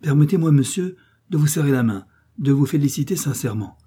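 A man reading the part of a rich, kind-hearted gentleman who speaks in an earnest, courteous way. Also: a little high, animated, fairly quick, husky, pitched above the performer's own voice.

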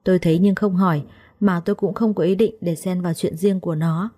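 Warm-voiced woman storyteller. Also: on the low side, steady tone, brisk, husky. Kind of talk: first-person story narration.

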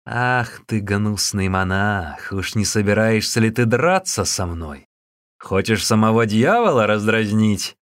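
A man's voice: a little high, expressive, moderate pace, vocal fry, few pauses, clear, resonant tone, no room sound, clean studio sound, pitched above the performer's own voice. A man playing an arrogant burly bully. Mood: haughty scorn. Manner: haughty, scornful. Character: arrogant burly young male village bully.

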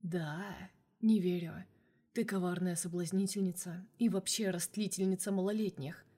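A woman reading an audiobook, voicing a teasing, flirty male boss in a low, hushed half-whisper. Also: steady tone, moderate pace, close to an everyday voice. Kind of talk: audiobook character voice.

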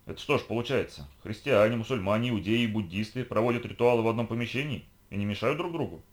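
A man's voice: lowish voice, fast, natural voice. A man voicing an uneasy young man who asks doubtful questions. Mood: curious.

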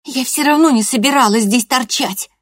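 A woman voicing a hot-tempered teenage girl who shouts back in shrill outbursts. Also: normal speed, no room sound, clean studio sound. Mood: shouting.

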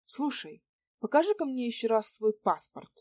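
A woman's voice: a little high, big pitch swings, normal speed, a little mellow, no echo, pitched above the performer's own voice. A woman voicing a spoiled, cynical man around forty who needles and mocks. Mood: pushy, sarcastic. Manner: sarcastic, needling questions.

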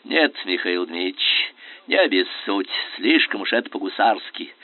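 A man voicing an elderly, weary, gruff prince and general, heard over a tinny, phone-like radio line. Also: low voice, lively intonation, unhurried, no echo. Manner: gruff, tired, blustering.

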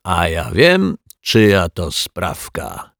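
Smug sneery zombie guy in a kids storybook, slow drawl, low and husky, a man doing it. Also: no room sound, clean studio sound. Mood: boastful. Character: boastful, haughty male zombie. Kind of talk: storybook reading.

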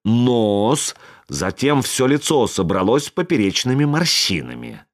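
A narrator reading a fairy tale aloud with expressive, dramatic delivery. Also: mid-range voice, a little slow. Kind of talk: storybook reading.

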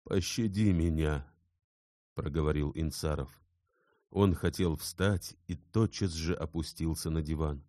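Deep-voiced male audiobook narrator. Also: fairly even intonation, unhurried, warm tone, no echo, studio quality. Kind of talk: audiobook narration of a classic novel.

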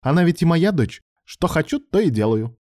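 A man's voice: fairly high pitch, very animated, normal speed, a little mellow, no echo, studio quality, pitched above the performer's own voice. A man voicing a stubborn, teasing father who talks in a smug, mocking, defiant way. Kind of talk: audiobook character voice.

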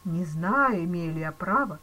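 A woman voices a solemn, mock-sympathetic male police chief in a storybook reading, conveying his dire news with grave regret. Her voice is lowish, expressive and sharp, and she speaks at normal speed.

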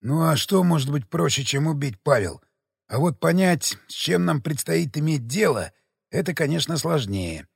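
A man voicing a calm, thoughtful male leader with a quiet, measured, gravelly, husky delivery. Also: on the high side, no echo, full character voice.

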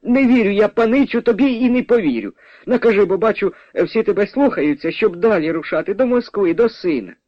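A stubborn old peasant widow scolds in a raised, lively voice, as a male narrator puts her on. She snaps back with disbelief and a sharp tongue. The radio recording sounds dull and dry. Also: sits high, a little fast, dry recording, voice pushed up. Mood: scolding.

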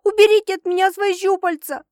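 A woman voicing a frightened young actress, high and pleading, in a spoken audiobook. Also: flat delivery, fairly quick, a little mellow, dry recording, studio quality.

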